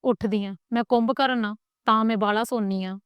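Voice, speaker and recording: A woman's voice: a little high, steady tone, brisk, clean tone, no echo, highs cut off, natural voice. A woman playing a fussing old village grandmother. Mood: fussing, scolding. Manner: scolding yet tender, mutters softly. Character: grumbling, doting older village grandmother. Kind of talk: storybook reading.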